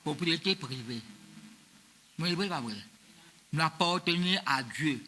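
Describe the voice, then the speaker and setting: A man's voice: a little high, expressive, measured pace, pushed and bright, slight background noise. A man, preaching a sermon as pastor of a church, in a loose, repetitive style that mixes French and Creole. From Mauritius.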